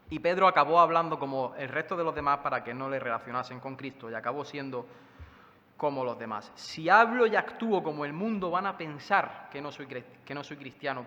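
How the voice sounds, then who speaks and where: A man with a Spain Spanish accent preaches a Sunday sermon in a conversational way, often putting questions to the congregation. His voice sits a little high and sounds sharp and forceful. The church around him adds a long echo, and the recording is slightly dull. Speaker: pastor preaching.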